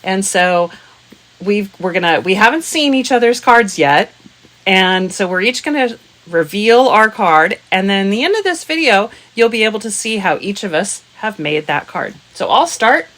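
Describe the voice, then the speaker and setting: A woman's voice: mid-range voice, expressive, normal speed, fairly bright tone. A woman hosting a crafting show in a casual chat with friends. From US West Coast.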